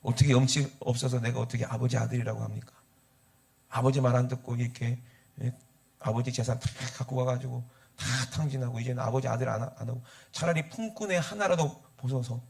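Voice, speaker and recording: A man's voice: mid-range voice, fairly even intonation, a little fast, creaky, darkish tone, natural voice. A man acting out an ashamed younger son who pleads humbly. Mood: pleading.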